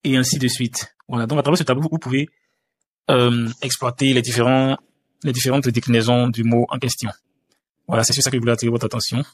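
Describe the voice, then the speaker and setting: A man's voice: mid-range voice, steady tone, fast talker. A man teaching a language lesson over a screen-share tutorial, hesitant, with many fillers and restarts.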